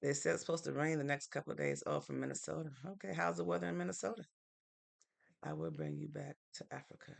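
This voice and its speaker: Answering viewer comments on her live stream, this Norwalk, Connecticut, host keeps things relaxed and thinks out loud. She has a low-pitched, gravelly, animated voice and talks at a quick pace.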